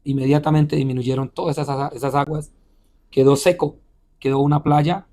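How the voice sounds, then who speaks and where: Man, pastor, higher pitch, halting testimony, repeats words, many fillers. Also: steady tone, warm tone. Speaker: pastor and missionary. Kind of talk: telling a personal testimony in an interview.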